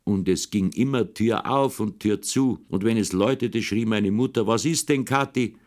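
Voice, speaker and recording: A man's voice: lowish voice, moderate pace, darkish tone. A man narrating a humorous first-person boyhood story as an audiobook reader. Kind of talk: scripted narration.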